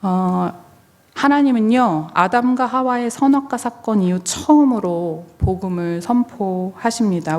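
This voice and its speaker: Her voice medium in pitch and darkish in tone, a woman pastor preaches, explaining and questioning listeners directly. She is recovering, so her voice sounds somewhat strained and stays in a low register, and the church sanctuary adds a long reverberant echo.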